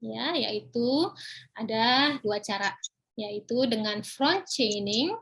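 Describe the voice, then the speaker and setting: A woman giving a pronunciation webinar lesson, dropping "ya" and "nah" into nearly every phrase and slowing down for her English example phrases. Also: on the high side, fairly bright tone, a little hiss or hum.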